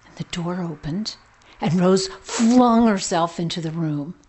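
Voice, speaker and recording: A woman telling a folk tale aloud in a gentle, slow way, with hushed whispered asides. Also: fairly low pitch, slight background noise. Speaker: storyteller. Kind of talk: oral storytelling.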